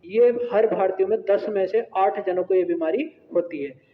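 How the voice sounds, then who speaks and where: High-voiced teacher in an echoey hall. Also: male voice, normal speed, a little hiss or hum. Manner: animated, conversational, asks "right?". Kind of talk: storytelling to a class. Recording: echoey hall, tinny phone-like sound.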